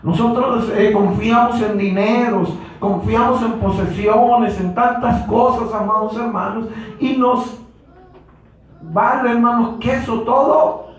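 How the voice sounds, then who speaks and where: Male Pentecostal preacher, very high voice, slow fervent delivery, keeps repeating "brothers", booming church echo, off-mic. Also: fairly even intonation. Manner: repeats "hermanos" constantly, rising to shouts. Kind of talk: Pentecostal sermon. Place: church hall. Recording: very echoey church from a distance.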